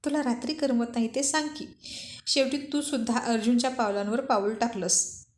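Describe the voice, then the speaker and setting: Brief: cheeky young joker, crude teasing, slightly high voice, echoey room, read by a woman storyteller. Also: fairly even intonation, fairly quick, close to an everyday voice.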